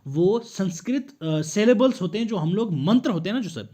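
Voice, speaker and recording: Hindi-coaching teacher, higher voice. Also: male voice, expressive, normal speed, dark tone. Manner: addresses viewers as sir, checks in with "clear?"; mixes Hindi with English phrases. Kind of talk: exam prep lesson with MCQs.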